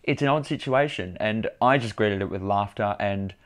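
A young man telling a story to camera in a casual, animated vlog, often restarting and repeating words. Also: fairly low pitch, normal speed. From Australia. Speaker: vlogger.

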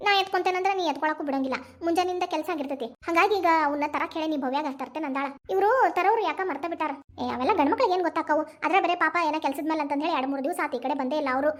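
A woman playing a caring cartoon mother, North Karnataka accent, very high voice, advising tone. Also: racing, hardly any pauses, lightly acted. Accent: North Karnataka Kannada. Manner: chatty, advising. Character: caring middle-aged mother, fussing over baby. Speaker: grandmother of newborn. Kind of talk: animated cartoon family drama dialogue.

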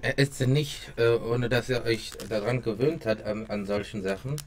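A young man of average pitch talks casually into a close desk microphone. His mouth is burning and watering from spicy food, so his speech comes out halting. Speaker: vlogger doing a hot chili taste test. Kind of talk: casual talk to camera. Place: small dim room at home. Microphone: close desk microphone with pop filter.

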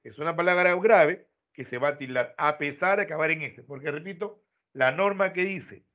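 A man teaching an online class, explaining step by step and ending his points with quick checks to his students. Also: a little high. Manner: explains step by step, tags lines with "¿no?". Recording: tinny phone-like online audio.

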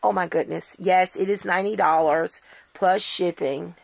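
Tired middle-aged woman chatting thru an unboxing, low gravelly voice, keeps gushing n repeating herself. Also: fairly even intonation, normal speed. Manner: gushing, repeats words for emphasis. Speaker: doll collector vlogger. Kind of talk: casual unboxing chat.

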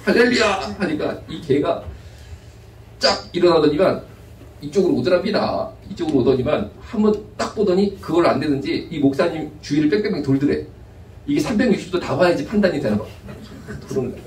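A male pastor delivers a storytelling sermon, acting out the people in his anecdotes. His voice sits somewhat high. It echoes around the sanctuary and sounds distant from the microphone. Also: a little fast, a little hiss or hum. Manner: lively anecdotal preaching with acted quotes. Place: church sanctuary. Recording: echoey room, mic from a distance.

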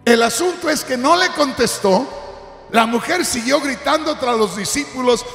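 High animated gravelly man preaching. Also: normal speed, echoey room, in a large hall, faint music behind. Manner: animated preaching, shouting at peaks, addressing the congregation directly. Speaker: pastor. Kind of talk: sermon.

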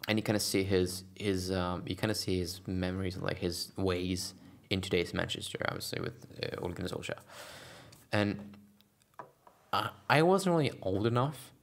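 A man's voice: low voice, normal speed, vocal fry. A young man, a youth football coach chatting casually with hesitant restarts. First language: Norwegian. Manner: relaxed, hesitant, with stammered restarts. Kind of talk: casual chat.

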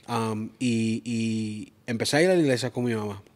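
A soft-spoken, hesitant music producer from Springfield, Massachusetts, born to Puerto Rican parents, shares personal stories as a guest in an interview. His lowish voice moves at normal speed, and he sits on a purple-lit indoor studio set.

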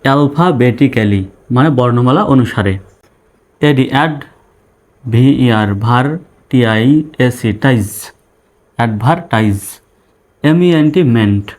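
Guy teaching english spelling, spells out letters then sounds out each syllable slow. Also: mid-range voice, expressive, a little mellow. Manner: spells words letter by letter, then says them slowly in syllables. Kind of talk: spelling and pronunciation lesson.

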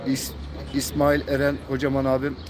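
A man's voice: mid-range voice, completely flat delivery, moderate pace, noisy background. A man hosting a casual live stream, chatting and reading out greetings to viewers. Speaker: host of a live pigeon auction stream.

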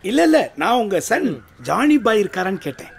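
An eager, excited henchman. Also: high-pitched, brisk, creaky, heavily acted. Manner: excited, shouting, eager to please. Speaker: gang henchman. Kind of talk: film comedy acting. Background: film music.

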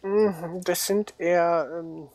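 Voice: mid-range voice, fairly even intonation, slow, darkish tone, no echo. A game player giving brief, laconic replies during an online role-play session.

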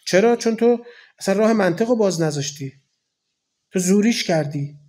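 High-voiced Iranian cleric preaching casually. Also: male voice, expressive, a little mellow. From Iran. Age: 40s. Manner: colloquial, conversational preaching with rhetorical questions. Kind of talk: sermon.

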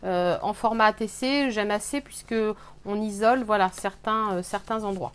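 A woman hosting a live scrapbooking workshop, explaining techniques with many pauses and fillers. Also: mid-range voice, clear, resonant tone. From France. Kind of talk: live craft demonstration. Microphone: webcam on a live stream.

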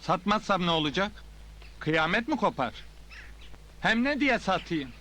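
High, bright, stubborn villager. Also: male voice, very animated, unhurried, full character voice. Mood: defiant. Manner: contrary, mocking. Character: stubborn, defiant villager refusing to sell his land. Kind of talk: Turkish film comedy acting.

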